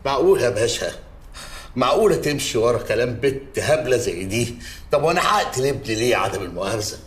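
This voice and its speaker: A man's voice: mid-range voice, fast talker, lightly acted. An actor playing a shifty father, talking in a wheedling manner with an Egyptian accent. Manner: wheedling, animated. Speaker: father accused by police. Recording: echoey room.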